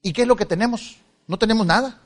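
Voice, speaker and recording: A man's voice: high voice, fast. A middle-aged man telling a humorous life story to a live audience, joking and laughing as he goes. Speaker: speaker giving a testimony. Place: stage before an audience.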